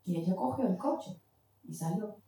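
A woman delivers a sermon with a mellow, dark voice, pausing at times to hunt for a word. She stands well back from the mic, and her voice rings through a very echoey church hall. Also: medium pitch, animated, far from the mic. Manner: searches for words mid-sentence. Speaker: preacher. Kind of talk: sermon with told testimony.

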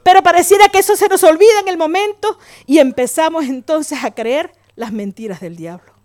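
High-voiced woman preaching with dramatic swings. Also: no echo, studio quality. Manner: storytelling, acts out quoted voices; swings from loud emphasis to soft, slow murmurs. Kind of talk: sermon.

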